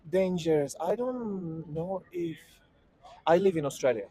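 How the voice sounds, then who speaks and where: A man from the Republic, answering in a halting way with stumbling restarts. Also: a little high, lively intonation, dark tone, breathy edge, poor audio. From Czech Republic. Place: city street outdoors.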